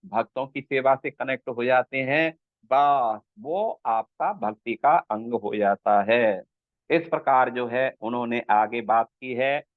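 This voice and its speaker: A male spiritual teacher giving a slow scriptural discourse, explaining step by step, checking with his listeners and intoning verses. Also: medium pitch, dry recording. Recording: dry, tinny phone-like sound.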